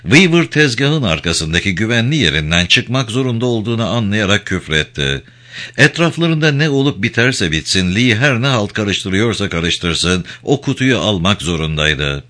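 Low, bright dramatic male narrator. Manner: dramatic, expressive reading. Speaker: audiobook narrator. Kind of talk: scripted narration.

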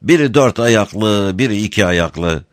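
Recorded clean in a studio with no echo, the man's fairly low voice has lively intonation and a measured pace. He voices a pleading Bedouin shepherd from a read-aloud tale, humble, earnest and servile, who says again and again that he is a sacrifice.

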